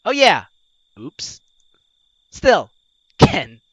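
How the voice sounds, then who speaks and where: This gaming video host speaks very slowly in a breathy, mid-range voice with huge pitch swings, and the recording has no room sound. She reads the game's narration aloud with expression and adds playful, giggly commentary.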